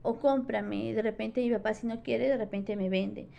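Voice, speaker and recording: A woman's voice: on the high side, steady tone, moderate pace, gravelly, mellow, highs cut off. A woman voicing a mistreated five-year-old boy who pleads to be taken away, in a retold story. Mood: pleading.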